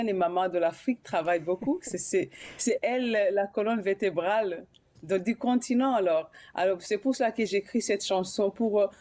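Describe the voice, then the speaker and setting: A woman speaks as a guest in a TV studio interview, her voice soft and mellow. She talks hesitantly, stopping often with fillers and restarting her sentences. Her pitch sits in the middle range. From Burundi. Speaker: singer and guest.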